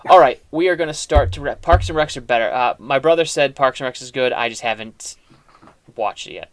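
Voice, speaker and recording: A man's voice: medium pitch, brisk, no room sound. A man hosting a casual chat, talking in a chatty, rambling way with frequent restarts. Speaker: host.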